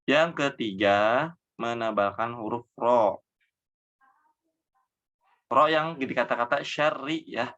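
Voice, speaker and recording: Patient male tajwid teacher, explains then recites slowly; mid voice, muffled lo-fi recording. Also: medium pitch. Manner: trails off softly after each example. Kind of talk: tajwid lesson with slow demonstration recitation.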